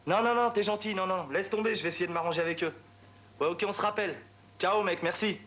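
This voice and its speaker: An actor playing a cocky, teasing driver in film dialogue. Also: male voice, high voice, quick pace, lightly acted. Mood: confident. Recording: dull film soundtrack with noise.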